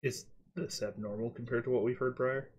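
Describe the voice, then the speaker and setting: A man plays a tabletop role-playing game, chatting casually with the group. His voice is mid-pitched and somewhat husky. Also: steady tone, a little fast, darkish tone. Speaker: player.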